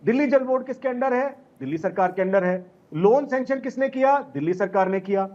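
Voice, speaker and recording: A man's voice: sits high, expressive, fairly quick, a little mellow, muffled recording. A man speaking as a party spokesperson in a heated panel debate, insistent and accusatory, piling up rhetorical questions and repeated lists.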